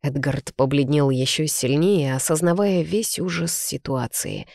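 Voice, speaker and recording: An audiobook reader tells a first-person novel at an even, unhurried pace in a mid-pitched voice. The delivery is steady and scripted. The recording is dry and close to the mic. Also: gravelly, no room sound. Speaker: audiobook narrator.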